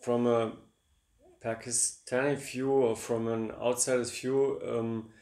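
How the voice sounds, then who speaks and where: German male interview guest, halting delivery, gravelly tone, roomy sound. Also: medium pitch, flat delivery, a little mellow. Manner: hesitant, repeats words while searching. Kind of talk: conversational interview. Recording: echoey room.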